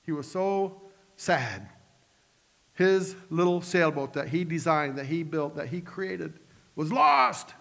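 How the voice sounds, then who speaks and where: A man's voice: fairly high pitch, animated, takes it slowly, gravelly, fairly bright tone. A male pastor preaching a sermon, telling stories animatedly and adding joking asides to the congregation. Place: church sanctuary. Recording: long reverb of a church hall.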